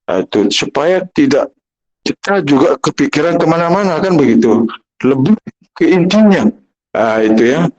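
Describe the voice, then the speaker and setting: A man giving an unhurried sermon as a spiritual teacher, often pausing and restarting his phrases. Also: on the high side, lively intonation, a little mellow, highs cut off. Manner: unhurried, halting, many restarts and fillers.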